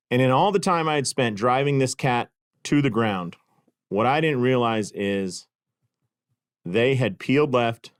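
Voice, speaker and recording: A man's voice: mid-range voice, no echo, studio quality. A middle-aged man hosting a podcast, telling a casual story with self-deprecating humor and frequent fillers. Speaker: podcast host and clinic consultant. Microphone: podcast microphone.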